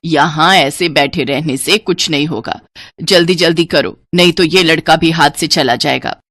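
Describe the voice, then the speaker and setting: A woman voicing a harsh, taunting mother in a cartoon story, speaking low and cold. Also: normal speed, fairly bright tone, no echo.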